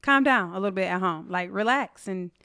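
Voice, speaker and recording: A woman's voice: medium pitch, a little fast, pushed and bright, clear, resonant tone, no room sound, studio quality. Emphatic woman. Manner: emphatic, playful, repeats phrases for effect. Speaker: podcast co-host. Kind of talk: relationship advice chat.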